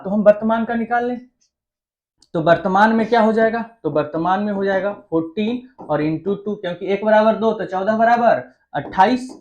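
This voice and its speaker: A man's voice: high voice, darkish tone. A man teaching an exam-prep math lesson. He keeps asking the class questions and answering them himself in a chatty, coaxing way.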